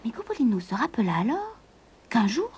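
Lively breathy woman reading a tale. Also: fairly high pitch, a little fast. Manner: expressive, dramatic, dips into whispers. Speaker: storyteller. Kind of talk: storybook reading aloud.

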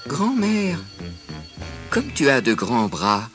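A man's voice: medium pitch, wildly swooping pitch, slow pace, a bit bright, voice pushed up, full character voice. A man voicing a sweet, innocent little girl in a storybook reading, in a raised, sing-song voice. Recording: music bed under voice.

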